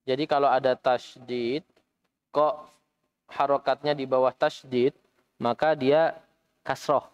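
Man, Arabic teacher, mosque lesson, patient, repeats answers, clear voice, slightly muffled recording. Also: medium pitch, steady tone, no room sound. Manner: patient, repeats students' answers slowly and corrects them. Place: mosque study session.

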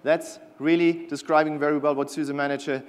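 A man's voice: fairly high pitch, level tone. Keynote man on a reverberant stage. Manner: enthusiastic, slightly halting with fillers. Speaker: keynote presenter, product manager. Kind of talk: conference keynote with scripted banter. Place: large conference hall stage. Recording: long hall reverb.

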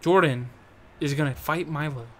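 A man's voice: a little high, fairly bright tone, a little hiss or hum. A young man co-hosting a casual gameplay commentary, teasing his friend and swearing constantly. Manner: teasing, heavy swearing, quick banter. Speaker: let's play co-host. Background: game music.

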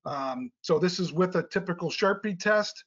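Man presenting technical slides, fairly high voice. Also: moderate pace, fairly bright tone. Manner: explanatory, frequent "uh" and "um" fillers. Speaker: webinar presenter. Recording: slightly dull lo-fi webinar audio.

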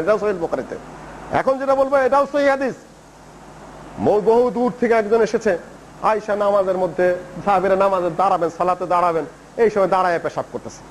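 A man from Bangladesh preaching a sermon in an animated storytelling manner, acting out quoted dialogue as he tells it. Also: high voice, a little hiss or hum, rough recording. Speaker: Islamic preacher.

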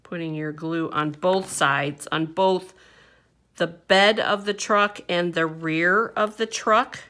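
A woman's voice: fairly low pitch, fairly even intonation, slow, sharp tone. A woman teaching a papercraft project at her desk, chatting casually through each step with fillers and little hums. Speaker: papercraft instructor. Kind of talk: hands-on craft tutorial. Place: indoor craft table.

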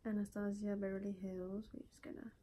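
A woman's voice: mid-range voice, brisk, low-quality recording. A woman narrating a makeup tutorial in a casual way, cursing freely and dropping into whispered asides. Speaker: beauty vlogger. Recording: steady background noise.

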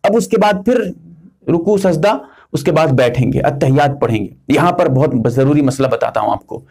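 A male Islamic scholar teaches religious practice with an earnest, emphatic delivery. His voice sits notably high for a man. He goes through each step in turn and comes back to the key warnings again and again. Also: expressive, vocal fry, darkish tone. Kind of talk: religious instruction.

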